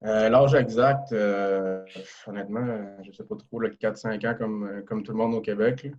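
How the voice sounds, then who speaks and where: A man in his thirties with a Québécois French accent, talking casually as a podcast guest, relaxed and hesitant with many fillers and restarts. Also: on the low side, moderate pace, muffled recording. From Quebec. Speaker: guest, professional hockey player.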